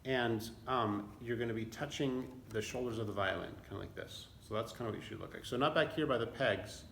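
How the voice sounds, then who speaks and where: A man's voice: medium pitch, fairly quick, vocal fry, fairly bright tone, slight background noise. A man teaching a beginner violin lesson online, explaining patiently step by step and chanting a children's rhyme in a sing-song way. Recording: violin plucking behind the voice.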